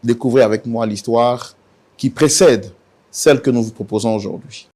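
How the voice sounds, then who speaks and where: A male TV talk show host with a mid-low voice of ordinary pitch, speaking formally and steadily. He pauses with soft hesitations as he introduces guests on a studio set. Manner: formal, measured, with frequent "euh" pauses.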